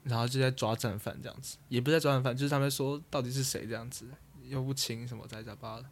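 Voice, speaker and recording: Fast-talking young man rambling. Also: medium pitch, steady tone. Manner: rambling storyteller, trails off and restarts, laughs at own jokes. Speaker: podcast co-host. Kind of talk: casual chat.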